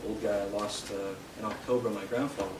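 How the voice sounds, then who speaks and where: Low-voiced young man reading poems. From Canada. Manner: halting asides full of fillers between poems, steady recital of verse. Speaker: poet. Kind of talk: live poetry reading. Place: indoor bookshop reading. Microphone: distant from the mic. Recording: roomy, distant, noisy live room sound.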